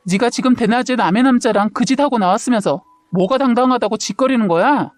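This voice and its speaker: A woman's voice: a little high, fast talker, no room sound, faint music behind, lightly acted. Story character: outspoken, hot-tempered woman friend, blunt and confrontational; a woman narrator plays her. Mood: angry. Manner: blunt, combative.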